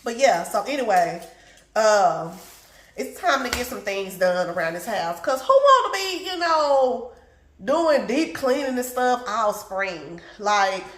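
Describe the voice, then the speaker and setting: Cooking at home in her kitchen, this middle-aged lifestyle vlogger talks casually with a congested sound, addressing viewers as "y'all" and "baby." Her voice is a little high with a fairly bright tone, and the room is echoey.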